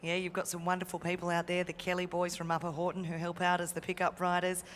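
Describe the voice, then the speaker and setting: An Australian woman hosts a live event with an even, level delivery. Her voice carries through a reverberant arena PA with some faint noise behind it. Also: lowish voice, quick pace. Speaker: event host and co-announcer.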